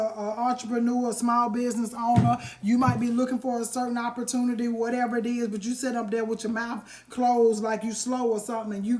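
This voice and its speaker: A woman with a fairly high voice talks straight to her live-stream viewers. She preaches with emphasis and calls them by warm pet names. It is a casual motivational talk that keeps driving its point home. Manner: emphatic and preachy, addressing viewers directly with endearments.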